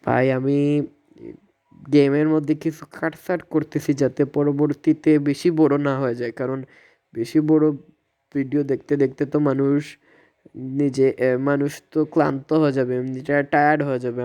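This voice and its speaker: A man with a Bangladeshi Bengali accent, hoarse from coughing, rambling and mocking himself in an unscripted gameplay voice-over. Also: a little high, mellow. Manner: rambling, self-mocking, groans at near misses. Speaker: gaming video creator.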